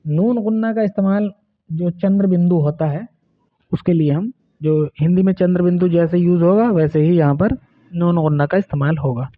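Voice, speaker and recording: A man teaching Urdu reading, reading out words and practice sentences slowly and deliberately. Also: high voice. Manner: slow, deliberate word-by-word reading aloud. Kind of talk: reading lesson with slow drills. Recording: narrow phone-like sound.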